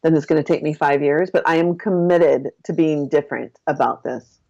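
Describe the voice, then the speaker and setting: Lively woman telling her story, lo-fi sound. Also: moderate pace. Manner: lively storyteller who acts out her own past lines with big jumps in pitch; casual, with fillers like "like" and "I'm like". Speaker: business coach and author, podcast guest. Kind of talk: personal storytelling in conversation. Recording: dull lo-fi podcast audio.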